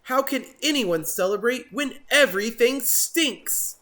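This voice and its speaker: A woman's voice: on the high side, expressive, a little slow, fairly bright tone, voice pushed up. A woman voicing a grumpy, sulky male monkey in a children's storybook, grumbling in a whiny, emphatic way. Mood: miserable, complaining.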